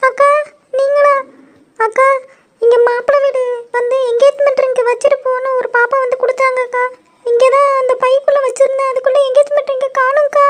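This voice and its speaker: Very high, squeaky cartoon voices of chattering village women, all put on by one woman. They gossip and bicker back and forth in quick local banter. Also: flat delivery. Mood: worried. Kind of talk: cartoon voice acting.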